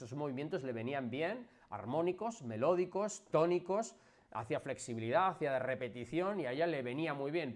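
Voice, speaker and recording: A man from Spain with a Spanish accent, talking to his viewers on a live stream about exercise and recovery. He is energetic and emphatic, throwing out loud bursts and then dropping into soft asides. His delivery is casual and chatty, in a middle register. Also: mid-range voice. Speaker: physiotherapist hosting a live stream.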